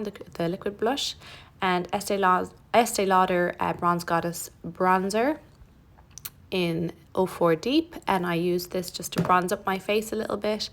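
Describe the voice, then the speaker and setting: A young woman narrating a makeup tutorial in a chatty, relaxed way, with self-deprecating asides. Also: mid-range voice.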